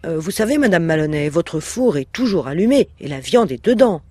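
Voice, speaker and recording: A man voicing a gentle, slightly hesitant middle-aged police sergeant. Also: a little high, sing-song, fairly quick, dry recording. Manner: soft, mildly hesitant.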